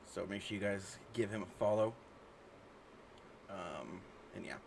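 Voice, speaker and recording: A man signing off a stream in a laid-back, halting way. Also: deep voice, vocal fry, a little mellow, slight background noise. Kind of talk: casual stream sign-off.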